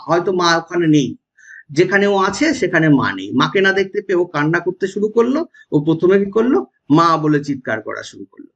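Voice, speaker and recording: A man's voice: high-pitched, breathy edge. A man with a West Bengal Bengali accent teaching an exam-prep lecture, explaining step by step and often checking in with the class. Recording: dull lo-fi sound.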